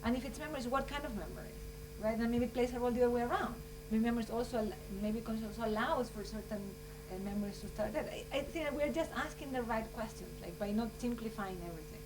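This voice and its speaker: Woman, kinda rambling conference talk, higher voice, mic far off with hum behind. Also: quick pace, hardly any pauses. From Chile. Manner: earnest, rambling, full of "you know" and "like". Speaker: scientist speaking at a conference. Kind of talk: informal closing remarks at a conference. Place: conference room.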